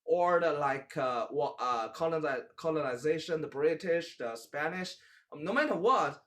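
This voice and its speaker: A young man with a Chinese accent hosts a casual talk show in English, his voice sitting a little high. He talks in a halting way, stopping to search for words and gesturing as he goes. He sits at a table in a small room. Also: lively intonation, a bit bright. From China. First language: Mandarin. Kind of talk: casual chat.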